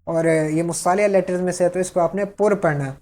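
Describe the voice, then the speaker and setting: A woman's voice: lowish voice, fairly even intonation. Patient woman teaching letter sounds. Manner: patient, repeats each letter slowly and loudly for the learner to copy; checks in with "ٹھیک ہے؟". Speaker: Quran reading teacher. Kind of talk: step-by-step pronunciation lesson.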